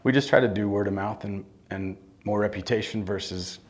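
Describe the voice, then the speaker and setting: A middle-aged man speaks in a fairly low voice, plain and blunt, as a guest in an on-stage interview. He often breaks off and restarts his sentences. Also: fairly quick. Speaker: construction company owner, guest. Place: event room with audience.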